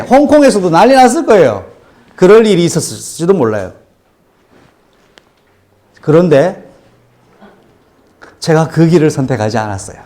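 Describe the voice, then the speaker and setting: Male pastor, middle-aged, animated storyteller, very expressive pitch. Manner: animated storytelling testimony, acting out quoted cries. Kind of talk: sermon.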